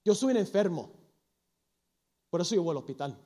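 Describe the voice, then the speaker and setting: A man's voice: sits high, lively intonation, fairly quick, warm tone. A man preaching a sermon, telling a story animatedly, acting out the quoted lines and slipping into English phrases now and then.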